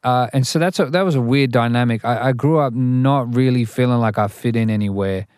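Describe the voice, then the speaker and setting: Recorded at studio quality with no room sound, a young adult rapper from Australia reflects on his upbringing as an interview guest. His medium-pitched voice is smooth and darkish, and he talks fairly quickly. He's thoughtful, restarting often and leaning on "you know."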